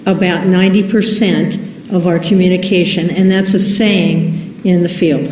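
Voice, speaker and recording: A woman testifying as an expert witness in a courtroom recording, answering carefully with halting restarts. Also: fairly low pitch, steady tone, a little mellow. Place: large echoey courtroom. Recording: distant, reverberant courtroom recording with faint noise.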